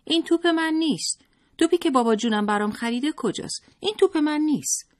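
The audiobook narrator voicing a spoiled little boy who whines and cries, in a high put-on voice. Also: animated. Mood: wailing. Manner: high whining, crying. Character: spoiled whiny little boy, tantrum-prone.

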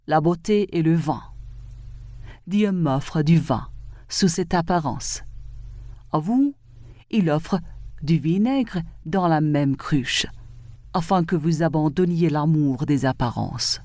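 A woman's voice: low voice, animated, dark tone, dry recording, clean studio sound. Majnoun, a woman doing a solemn lover. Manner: measured, solemn. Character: Majnoun, grave lovesick young man.

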